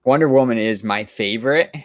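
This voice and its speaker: A man's voice: mid-range voice, brisk, no room sound, lo-fi sound. A man co-hosting a comic book chat show, talking casually and enthusiastically with lots of restarts and fillers.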